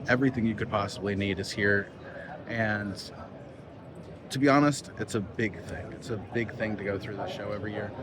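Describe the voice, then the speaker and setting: A man vlogging casually into his phone's microphone, explaining things off the cuff and pausing between points. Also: on the low side. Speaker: vlog host, film sound mixer. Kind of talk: casual vlog to camera. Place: busy convention venue. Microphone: phone's built-in microphone. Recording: busy crowd noise, phone microphone. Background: crowd chatter.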